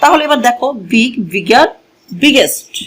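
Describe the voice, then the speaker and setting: A woman from Bangladesh teaching a grammar lesson, explaining slowly and asking her own questions before answering them, with terms. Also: sits high, expressive, a bit bright, husky, rough recording. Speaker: English teacher.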